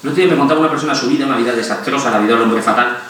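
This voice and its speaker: Animated lecturing doctor in an echoey hall. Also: male voice, medium pitch, rapid-fire, distant mic, slight background noise. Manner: animated, humorous, acts out quotes. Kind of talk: lively public lecture. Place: hospital auditorium.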